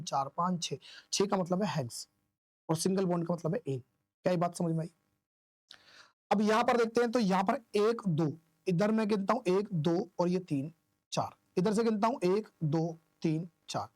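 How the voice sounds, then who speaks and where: A man's voice: high voice, darkish tone, dry recording. Hindi-speaking male chemistry teacher, dry sound. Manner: asks questions and answers them himself, counts aloud. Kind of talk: classroom lecture explaining isomer naming.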